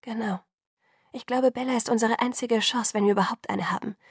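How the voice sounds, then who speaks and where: A woman's voice: a little high, fairly even intonation, a little fast, husky, no room sound, studio quality. A woman voicing an anxious young woman who speaks urgently and often drops to a whisper. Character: anxious young woman pleading in hushed tones.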